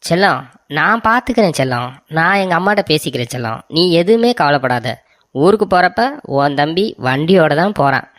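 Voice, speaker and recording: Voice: mid-range voice, lively intonation, normal speed, fairly bright tone, dry recording, clean studio sound, close to an everyday voice. A voice actor playing a doting young husband in a cartoon comedy, coaxing and sweet-talking his wife.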